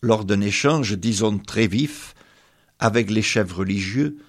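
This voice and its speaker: Slow, gravelly-voiced male preacher. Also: fairly low pitch. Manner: slow, measured, addresses listener directly. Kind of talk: sermon with Bible readings.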